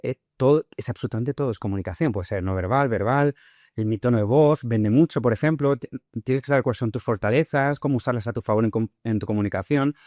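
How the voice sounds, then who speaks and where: A man's voice: mid-range voice, quick pace, darkish tone, no echo, studio quality. Confident man with a Spain Spanish accent. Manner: confident, emphatic, advice-giving. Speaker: interview guest, speaker. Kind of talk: conversational interview.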